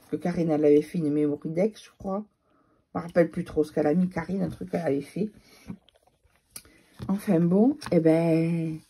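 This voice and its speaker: Chatty woman with a gravelly voice. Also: lowish voice, warm tone. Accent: regional French accent. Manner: chatty, rambling, with fillers. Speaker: scrapbooking vlogger. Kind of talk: casual chat to viewers.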